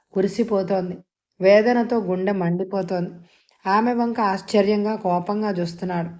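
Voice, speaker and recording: A woman reads a serialized novel aloud in a measured, expressive way. Her voice is mellow and low in brightness, and her pitch sits in the middle. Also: muffled recording. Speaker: audio novel narrator. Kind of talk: scripted narration.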